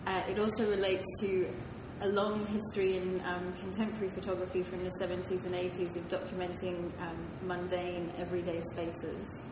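A woman interviewing a guest, speaking fluently in a measured way with small "um" pauses. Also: on the low side, completely flat delivery. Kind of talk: gallery talk interview. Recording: echoey room with background noise.

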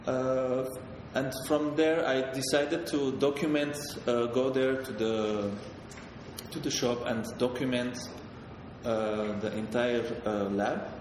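A man from Syria, a photographer, talking haltingly with many fillers and restarts. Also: medium pitch, steady tone. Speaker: photographer guest. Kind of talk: hesitant conversational talk. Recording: echoey hall, distant mic, background noise.

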